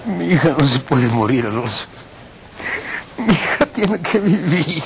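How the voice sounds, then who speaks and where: An actor playing an anguished father who pleads slowly in a telenovela. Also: a little high, sing-song, vocal fry, slight background noise, heavily acted, low-quality recording. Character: anguished father of a dying daughter. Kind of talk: telenovela acting.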